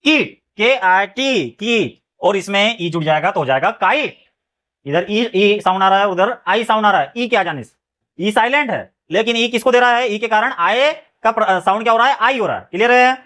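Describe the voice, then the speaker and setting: Man, high-pitched, phonics teacher, spells words letter by letter, quizzing students. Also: animated, normal speed, pushed and bright. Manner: spells words letter by letter, keeps asking "clear?". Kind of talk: phonics lesson.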